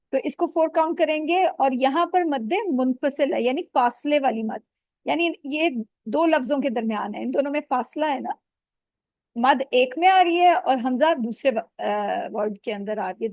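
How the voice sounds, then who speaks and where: A woman teaching Quran recitation rules in an online class, patiently correcting students and modelling sounds slowly. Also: high voice, gravelly, a little mellow, dry recording, dull audio.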